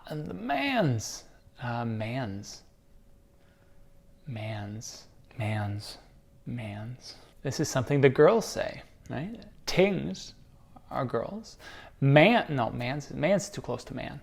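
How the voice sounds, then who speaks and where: A man with a noticeable creaky fry in his voice plays a casual guessing game. He thinks out loud in a jokey way and tosses out improvised examples at a middling pitch. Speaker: contestant guessing slang.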